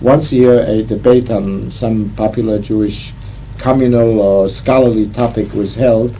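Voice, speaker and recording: An older man who learned English as a second language, reminiscing in an interview as a rabbi, in formal, hesitant wording with frequent pauses. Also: lowish voice, fairly even intonation, dark tone. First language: not English. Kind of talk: reminiscing oral-history interview. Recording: noisy interview recording.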